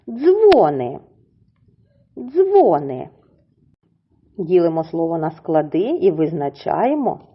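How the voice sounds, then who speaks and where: A woman teacher with a Ukrainian accent leads a children's lesson, explaining slowly and deliberately and breaking words into syllables. Her voice is fairly low and husky, and the audio sounds dull.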